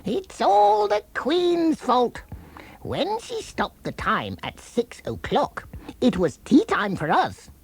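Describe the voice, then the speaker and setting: A man voicing a fussy, muddled, excitable Mad Hatter for a children's storybook, stammering and repeating himself in a husky voice. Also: very high-pitched, slow pace, voice pushed up, exaggerated voice. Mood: indignant. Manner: stammering, spluttering repetitions. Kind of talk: children's storybook character reading.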